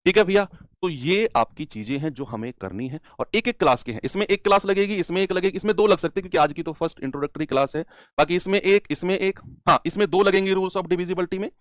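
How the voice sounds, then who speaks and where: A man teaches a maths class, lively and speaking straight to his students. His voice sits fairly high and he repeats each key term for emphasis. The recording is close and dry, with little room sound. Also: no room sound. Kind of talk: classroom math lecture.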